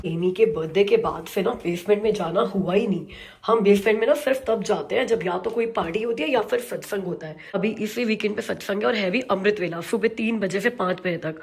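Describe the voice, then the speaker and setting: A vlogger in her thirties with a Hindi accent speaks briskly in a mid-range voice with vocal fry, chatting casually to her audience. She mixes Hindi and English and jokes at her own expense.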